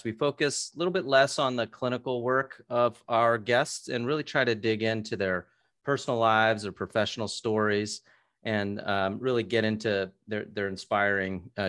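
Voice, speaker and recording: A man's voice: fairly low pitch, fairly bright tone, smooth, no echo, clean studio sound. A man co-hosting an interview podcast in a casual, conversational style. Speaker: podcast co-host.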